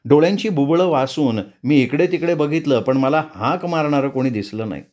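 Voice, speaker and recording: A man narrating a spooky story in a dramatic, deliberate storytelling manner. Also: a little high, a little mellow, highs cut off.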